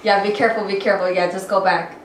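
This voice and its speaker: A woman's voice: medium pitch, steady tone, fast talker, distant mic. A woman co-hosting a podcast in casual, slangy chat, reading out viewer comments bluntly. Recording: echoey room, faint noise.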